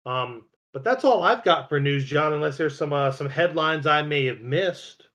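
A man co-hosting a casual card game podcast, relaxed and rambling, with lots of fillers and restarts. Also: on the high side, normal speed, highs cut off. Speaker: podcast co-host.

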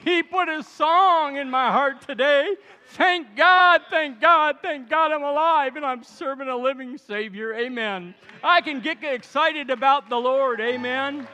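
A seventy-year-old pastor with a very high-pitched voice preaches unhurriedly yet barely pauses. During this sermon and altar call he exhorts the congregation, repeating declarations of thanks and praise and breaking into shouted praise. The large church hall adds reverb, with music behind him.

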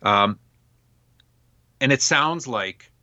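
A man's voice: medium pitch, animated, extremely slow, sharp tone, dry recording, highs cut off. A man co-hosting a podcast, introducing a guest with enthusiastic background on her releases. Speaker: podcast co-host.

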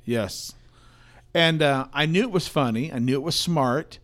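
Higher-voiced man rambling about films. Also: a little slow, a bit bright. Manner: rambling, filler-heavy storytelling. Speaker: podcast co-host, film reviewer. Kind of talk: casual film review chat.

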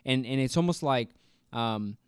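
A man co-hosting a casual podcast discussion, talking in an animated way and acting out quoted exchanges. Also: mid-range voice, a little slow, smooth, dry recording, clean studio sound. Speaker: podcast co-host.

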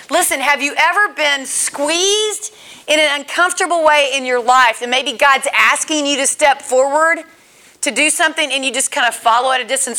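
A woman gives a conversational Bible lesson. Her voice sits high and bright. She talks earnestly and animatedly, and she slips into the people she quotes. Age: 40s. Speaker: women's Bible study teacher.

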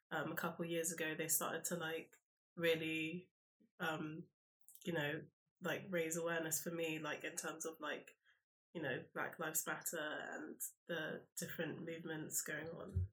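A young woman with a South London accent, speaking casually as an interview guest in an informal, halting way, as if thinking aloud. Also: low voice, fairly bright tone, rough recording. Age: young adult. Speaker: podcast guest, university student.

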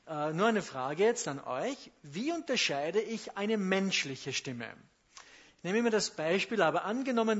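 A middle-aged man gives a sermon, talking with his listeners and asking them questions. His voice sits high for a man. The recording sounds a little muffled. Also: a bit bright. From Austria. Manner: conversational, asks the audience questions. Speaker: preacher.

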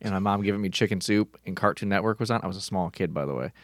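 A man co-hosting a podcast, teasing the others in an animated way. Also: low voice, very fast, no echo, studio quality. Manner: teasing, animated, does silly voices. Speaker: podcast co-host. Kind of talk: casual banter.

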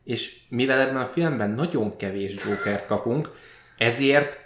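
A man co-hosting a podcast, chatting casually about films and often pausing on filler sounds. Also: mid-range voice, fairly bright tone, a little hiss or hum. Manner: hesitant, many filler sounds. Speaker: podcast co-host. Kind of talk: casual film chat. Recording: roomy echo.

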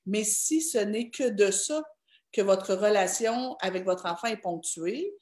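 A woman's voice: medium pitch, a little slow, a little mellow, echoey room. A woman with a Québécois accent, a host giving earnest advice to parents through rhetorical questions. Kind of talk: heartfelt advice talk to parents.

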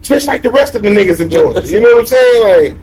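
A young man chatting on a podcast with friends. His pitch swings widely as he talks, and his voice is mellow and dark rather than bright. He swears freely and keeps asking "you know what I'm saying". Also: expressive, fast, husky, rough recording. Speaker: podcast co-host. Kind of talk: casual group chat.

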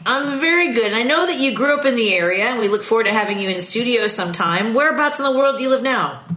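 A woman's voice: fairly high pitch, expressive, fast talker, sharp tone. A woman hosting a live radio talk show in a chatty manner, laughing often as she talks with guests. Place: radio studio. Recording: roomy studio echo.

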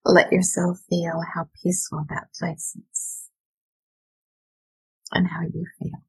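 Slow, breathy, low-voiced woman guiding relaxation. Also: level tone, dry recording, rough recording. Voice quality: breathy, husky. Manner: soothing, gentle, deliberate phrasing with pauses. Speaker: educator, workshop leader. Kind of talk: slow, soft guided relaxation and visualization.

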